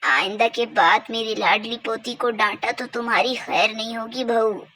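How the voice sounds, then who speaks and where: A woman voicing a stern old grandmother in a doll-play story, speaking slowly and protectively, scolding her daughter-in-law. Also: on the high side, fairly even intonation, bright, forceful tone, dry recording, pitched below the performer's own voice, poor audio.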